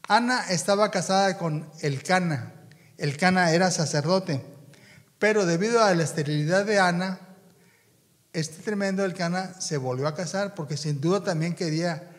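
A preacher gives a sermon in a high, carrying voice. He talks in a halting way, repeating words as he addresses his brothers in faith. His voice rings through a long church-hall echo.

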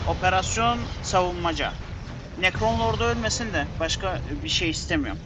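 A man's voice: high voice, expressive, brisk, background noise. A man giving casual let's-play commentary, muttering to himself in exasperation and urging his units on. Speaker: gameplay commentator.

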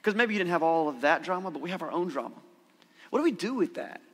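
A man's voice: high-pitched, lively intonation, quick pace, breathy edge. A man in his thirties preaching a sermon as a pastor, talking casually and putting questions to the congregation. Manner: conversational, asks the congregation questions. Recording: church hall with long reverb.

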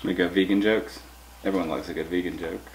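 Deep-voiced man telling dad jokes. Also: steady tone, fast talker. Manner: telling dad jokes, setup then punchline. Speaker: dad hosting a joke challenge. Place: home dining room, indoors. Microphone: camera across the table. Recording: roomy echo, noticeable background noise.

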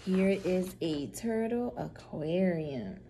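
A woman who is a preschool teacher, reading a picture book to young children in a gentle storytime voice. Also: fairly low pitch, expressive, background noise. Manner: gentle, slow, sing-song storytime delivery.

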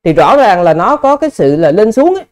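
Male monk teacher, high clear voice, patient Q&A explanations to a lay audience. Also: very animated, fairly quick. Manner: patient, explanatory, addresses listeners politely. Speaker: Buddhist monk. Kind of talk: Dharma Q&A teaching.

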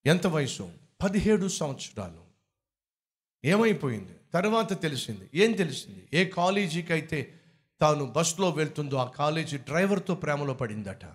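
A man's voice: on the high side, sing-song, normal speed. A male pastor preaching a rebuking sermon with rhetorical questions, then leading a pleading prayer. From India.

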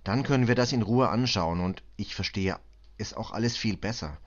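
A man playing a patient middle-aged police inspector, speaking calmly, clearly and reassuringly. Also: lowish voice, normal speed, highs cut off, lightly acted.

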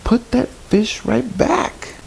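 A man's voice: very high-pitched, animated, slow pace, creaky, darkish tone, a little hiss or hum, voice pushed up, full character voice. A man voicing a small, watchful storybook cricket who scolds and warns urgently. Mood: alarmed.

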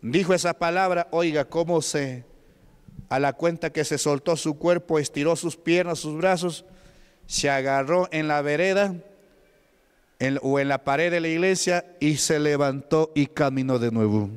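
A man's voice: a little high, measured pace, clear, resonant tone. A man with a Peruvian Spanish accent, a deacon preaching a testimony sermon, telling a story and asking the congregation questions. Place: church hall. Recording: long hall reverb.

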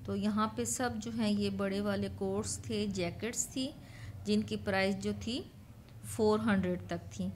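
A chatty woman talks through a casual shopping vlog at an open-air market, speaking into a handheld phone. Her voice sits at an ordinary middle pitch. Faint market noise runs underneath her. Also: steady tone, measured pace. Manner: chatty, leans on the filler "jo hai" a lot. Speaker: vlogger. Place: open-air flea market stalls outdoors.

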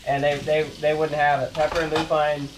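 Filmed on a handheld or strapped-on action camera, this thirtysomething man chats to the lens outdoors in the snow on a rural homestead, describing his gear as he works. His voice sits on the high side, fairly quick and flat in delivery, with background noise behind it. He comes across relaxed, chuckling frequently in this casual vlog.

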